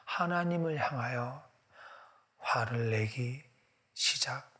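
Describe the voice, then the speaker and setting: A man's voice: medium pitch, unhurried, bright, forceful tone. A male pastor preaching a sermon, asking his congregation questions and sometimes dropping to a whisper. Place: church.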